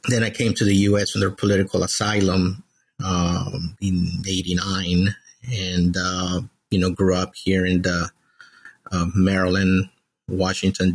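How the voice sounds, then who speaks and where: A man in his forties with a low, husky voice, talking easily as a guest. He is from El Salvador, and he tells his story in a loose, friendly way full of fillers. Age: 40s. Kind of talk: casual interview.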